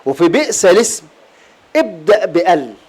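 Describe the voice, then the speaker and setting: A man with an Egyptian Arabic accent teaches a recitation class at a brisk clip, his voice sitting a little high for a man. He breaks off to chant short verse fragments and repeats single words slowly to drive them home. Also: big pitch swings, a little mellow, husky. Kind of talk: classroom lesson on recitation readings. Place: lecture hall at an Islamic boarding school.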